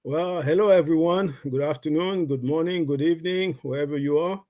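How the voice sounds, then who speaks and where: A middle-aged Haitian man with a Haitian accent tells his life story as a guest on a casual live stream. His voice is fairly high-pitched with a dark tone, and he speaks at normal speed, rambling loosely with many fillers.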